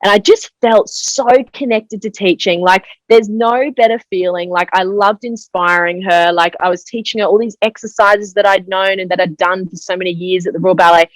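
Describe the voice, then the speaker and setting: A woman's voice: mid-range voice, fairly even intonation, normal speed, hardly any pauses, no echo, rough recording. A young woman, a guest telling her story in a casual interview, chatty and full of 'like'. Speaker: podcast guest.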